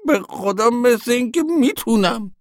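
A man's voice: very high-pitched, animated, dry recording, clean studio sound. A whiny one-eyed man. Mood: plaintive. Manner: plaintive, dragging delivery.

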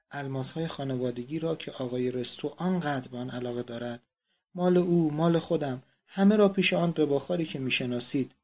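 A man's voice: a little high, a little mellow. A man reading the part of a distraught young countess pleading and confessing to her father. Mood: despairing.

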